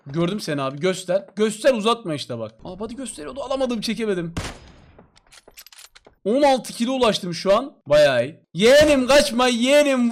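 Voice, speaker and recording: A man commentating his own mobile shooter gameplay live to viewers, hoarse from shouting, talking casually with sudden excited yelps and repeated calls. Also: high voice, a little hiss or hum. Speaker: mobile shooter game streamer.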